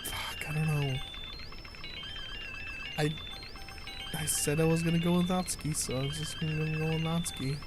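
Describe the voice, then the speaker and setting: A man's voice: on the high side, fairly even intonation, moderate pace, long pauses, music in the background. A man streaming a visual novel live, reacting bluntly and swearing. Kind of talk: live game commentary.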